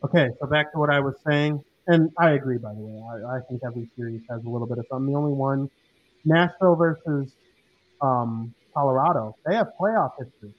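A man hosts a relaxed sports conversation, rambling a little as he works through his thoughts. His voice is muffled and distant, as if it comes through a wall over a remote call. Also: mid-range voice, a little fast. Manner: chatty, thinks aloud with fillers. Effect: muffled, distant sound, as if through a wall. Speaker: podcast host. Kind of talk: casual sports chat.

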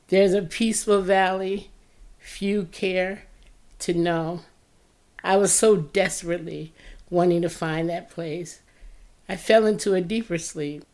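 A woman narrates her own story in a slow, measured read, her voice low-pitched and worn with tiredness. She delivers it as scripted first-person narration, reflective and earnest. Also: darkish tone. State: tired-sounding voice. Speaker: podcast host.

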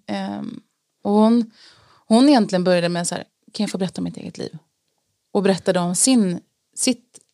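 A woman telling her personal story in an interview, earnest and reflective, pausing often with fillers. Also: medium pitch, mellow, dry recording, studio quality. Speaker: interview guest sharing testimony. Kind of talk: personal testimony in conversation.

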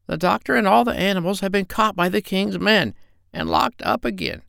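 A man's voice: high-pitched, big pitch swings, normal speed, vocal fry, fairly bright tone, dry recording, pitched above the performer's own voice, heavily acted. A man voicing a clever, scheming female parrot who whispers urgently and puts on a lofty fairy-queen voice. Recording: dry close recording.

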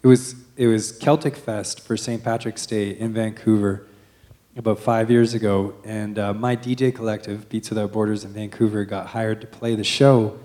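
A man with a low, warm, mellow voice tells the story of how his group formed. His manner is chatty and easygoing. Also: level tone, moderate pace. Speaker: DJ and band member. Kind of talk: casual interview chat.

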